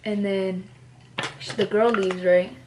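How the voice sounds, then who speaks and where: A woman's voice: medium pitch, little pitch movement, slow pace, noisy background. Casual young woman telling a story. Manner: casual, keeps checking in with "right?". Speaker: vlogger.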